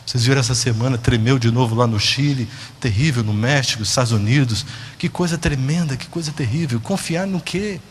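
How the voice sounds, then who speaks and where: A man preaching a sermon, dramatic, moving between hushed and emphatic. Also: medium pitch, fairly quick, hardly any pauses, big-room sound, slight background noise.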